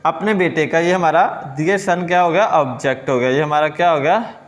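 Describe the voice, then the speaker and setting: This man lectures on grammar in a fairly high voice, patiently walking through each point. He poses questions and answers them himself, slowing right down to read English example sentences. A long reverb trails behind his voice. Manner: reads English example sentences slowly and deliberately.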